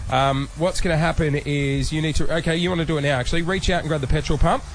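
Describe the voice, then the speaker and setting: A man's voice: fairly high pitch, steady tone, fast talker, a little hiss or hum. An Australian man hosting a breakfast radio show, joking and teasing his guest in upbeat banter.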